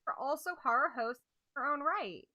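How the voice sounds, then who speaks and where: A woman's voice: sits high, expressive, fairly quick, pushed and bright, dull audio. A woman hosting a casual chat in an eager, gushing, playful manner. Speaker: host.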